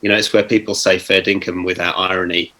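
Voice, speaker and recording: A man speaking on an online panel over a video call, thoughtful and halting, with many pauses and restarts. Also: deep voice, flat delivery, sharp tone.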